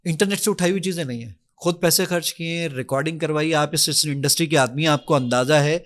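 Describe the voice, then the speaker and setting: A man walks through his app on a podcast, eager and lively, voicing his own requests as he taps. His voice sits fairly high for a man. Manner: energetic, enthusiastic, acts out his own requests. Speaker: app founder giving a demonstration. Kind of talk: podcast guest demonstrating an app.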